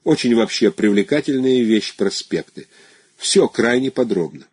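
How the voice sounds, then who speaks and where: A man's voice: medium pitch, lively intonation, normal speed, a little mellow, husky, dry recording, clean studio sound. A man reading an audiobook, voicing a withdrawn, gloomy man who answers in short muttered phrases. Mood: muted. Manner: muttered, terse replies. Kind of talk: audiobook character voice.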